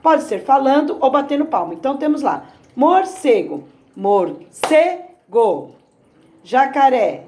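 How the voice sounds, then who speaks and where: Brazilian woman, primary teacher, warm and mellow tone, exaggerated slow syllables for children. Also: a little high. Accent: Brazilian Portuguese. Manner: slow, exaggerated sounding out of words. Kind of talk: recorded lesson for young children.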